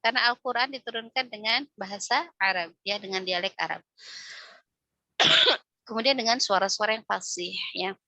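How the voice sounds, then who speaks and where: Bright-voiced woman teaching Quran recitation. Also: mid-range voice, normal speed, dry recording. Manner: explains step by step, frequent tag "ya", demonstrates recitation aloud. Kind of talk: religious class lecture.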